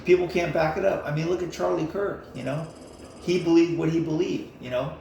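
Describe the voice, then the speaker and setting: A man from the United States talking in a casual, rambling monologue full of fillers and restarts, with a gravelly voice. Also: fairly high pitch, fairly even intonation, fairly quick, darkish tone. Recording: very echoey with faint noise.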